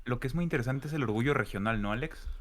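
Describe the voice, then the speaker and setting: A man with a Mexican accent, co-hosting a casual podcast and telling relaxed stories with colloquial asides. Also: medium pitch, very fast. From central Mexico. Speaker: podcast co-host. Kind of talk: casual chat.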